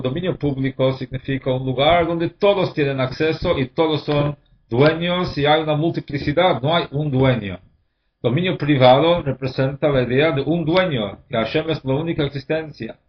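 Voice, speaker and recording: A man teaching a religious lesson as a rabbi, explaining at a measured pace and pausing often to find his words. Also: fairly high pitch. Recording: dull lo-fi recording.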